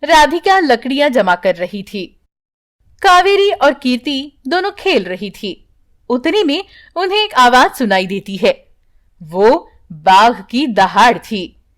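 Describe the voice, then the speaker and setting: Woman storyteller, high voice, slow measured narration. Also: big pitch swings. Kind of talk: scripted narration.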